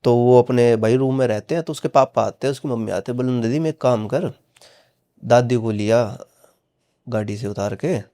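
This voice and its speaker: Man, podcast guest, casual storytelling, mellow tone, quotes dialogue. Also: mid-range voice, moderate pace. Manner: retells dialogue with many "he said" tags.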